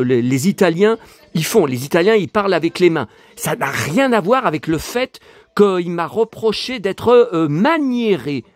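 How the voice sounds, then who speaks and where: A man talks straight to his viewers in a casual home vlog, rambling and indignant, tripping over fillers and restarts. His voice sits high and leaps around a lot. The sound is close and dry, with no room echo. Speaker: YouTuber.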